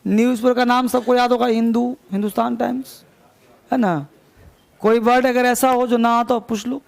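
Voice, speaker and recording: Man, classroom dictation, spells words letter by letter, high gravelly voice. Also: flat delivery, normal speed. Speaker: teacher.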